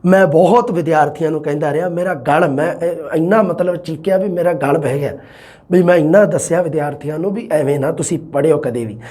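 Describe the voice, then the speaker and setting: A man's voice: on the high side, fairly quick, a little mellow. A male teacher with a Punjabi accent giving an exam-prep lecture, asking rhetorical questions and acting out his students' answers.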